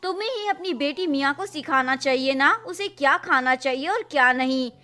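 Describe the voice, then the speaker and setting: A woman's voice: sits high, expressive, normal speed, bright, forceful tone. A woman reading a defensive young husband. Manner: defensive, pleading. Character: torn young husband caught in the middle.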